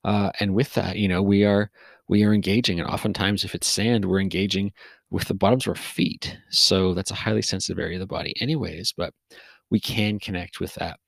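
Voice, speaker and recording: Low gravelly man musing casually. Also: brisk, no echo. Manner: rambling, relaxed, with frequent fillers and restarts. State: yawning, a little tired. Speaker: podcast host. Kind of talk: casual solo podcast monologue. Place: recorded outdoors near a forest.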